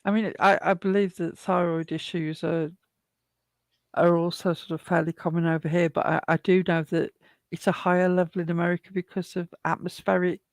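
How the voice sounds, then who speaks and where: A woman's voice: on the low side, level tone, brisk, dry recording. A woman co-hosting a livestream, chatting casually and reading out comments from the live chat. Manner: rambling, chatty, laughs often. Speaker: livestream co-host.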